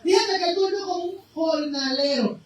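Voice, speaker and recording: A woman preacher delivering an impassioned sermon, moving between loud, fervent cries and quiet, low passages, recorded from a distance in a church. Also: normal speed. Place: church sanctuary. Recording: very echoey room, voice from afar, faint noise.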